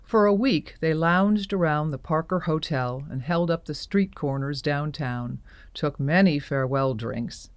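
A woman narrating an audio drama in a measured storytelling manner. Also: low-pitched, no room sound.

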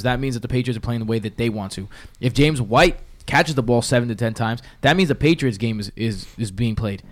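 A man giving casual sports analysis as a podcast panelist, with emphatic, slangy frat-bro phrasing and some swearing. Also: medium pitch.

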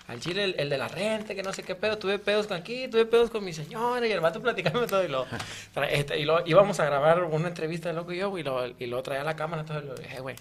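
A man's voice: on the high side, fast, a little hiss or hum. A man with a Mexican Spanish accent, a podcast co-host telling a story in casual chat, rowdy and swearing, laughing often.

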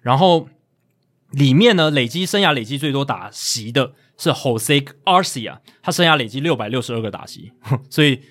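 A man's voice: medium pitch, animated, moderate pace, fairly bright tone. A man with a Taiwanese Mandarin accent, hosting a casual sports chat and reading out statistics with asides. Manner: reads out stats, explains, with asides. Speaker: podcast host.

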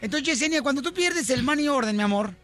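A man hosts a radio interview, pitched high for a man, with a chummy, teasing manner. He keeps calling out to his listeners. A faint music bed plays under him. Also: animated, fast talker, fairly bright tone. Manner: chummy, calls listeners champions and paisanos, teasing. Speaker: radio show host. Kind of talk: lively radio interview banter.

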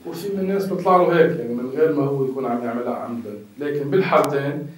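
A man with a Levantine Arabic accent, a religious scholar giving measured, emphatic answers to questions. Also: mid-range voice. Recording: echoey room, distant mic.

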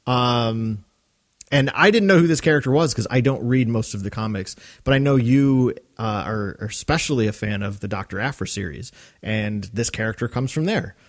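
A man hosting a podcast in casual chat, relaxed and easygoing, with many fillers. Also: medium pitch, normal speed. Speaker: podcast host.

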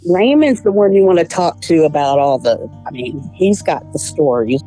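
A weary woman talks in a halting, casual way. Her voice is low-pitched and mellow, and soft music plays faintly behind her. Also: animated. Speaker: mother of the accused family. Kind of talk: casual interview talk.

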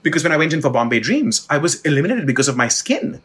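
Blunt, animated middle-aged man. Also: a little high, fast talker. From India. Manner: blunt, animated, swears freely. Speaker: actor, guest. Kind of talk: casual conversation.

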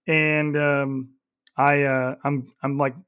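A young man with a hoarse, croaky voice, still recovering from losing it, co-hosting a casual sports podcast and rambling between ad reads. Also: medium pitch, flat delivery, slow, a bit bright. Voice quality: croaky, nasal. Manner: rambling, self-interrupting. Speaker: podcast co-host. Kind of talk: casual sports podcast chat, reading ads.

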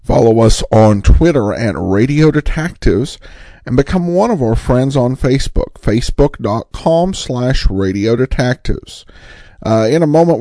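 A man's voice: medium pitch, warm tone, dry recording. An American man hosting a podcast, introducing an old radio show in a plain, conversational way. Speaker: podcast host.

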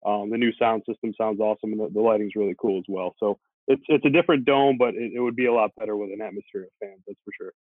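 A man's voice: lowish voice, steady tone, fast talker, few pauses, dry recording. An easygoing man from the Syracuse area chats as a sports reporter guest, filling his sentences with hedges. His voice comes through a narrow, tinny phone line. The sound is dry and close, with no room around it. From Syracuse, New York area, USA. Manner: easygoing, talks it through with many hedging fillers. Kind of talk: casual podcast chat.

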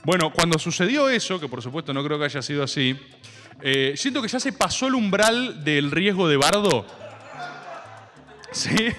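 A high, bright Argentine man with a Rioplatense accent, riffing on politics with ironic, wandering asides. His pitch leaps all over the place. A long reverb hangs on his voice, with faint music underneath. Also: lively intonation, moderate pace. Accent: Rioplatense Argentine Spanish. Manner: rambling, ironic, full of asides. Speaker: host. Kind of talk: comic political commentary on a live stream.

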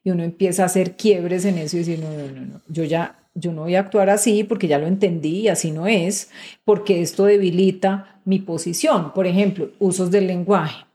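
A woman's voice: on the low side, fairly even intonation, moderate pace, warm tone. A middle-aged woman, a guest executive explaining her views in a conversational interview and often checking in with the listener.

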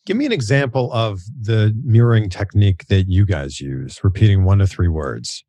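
A man with a fairly low voice works as an interviewer. He sets up and asks questions conversationally, recorded very dry with no room sound. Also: animated, normal speed, warm tone, no room sound.

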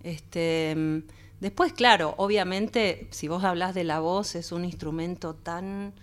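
A woman with a porteño Buenos Aires accent talks in a loose, rambling way, guest on a studio radio show. Her voice sits fairly low and sounds smooth and clear. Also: slow pace. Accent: Buenos Aires Spanish. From Argentina, raised partly in Peru. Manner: chatty, rambling, frequent "viste" tags. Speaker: singer guest. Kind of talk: casual interview chat.

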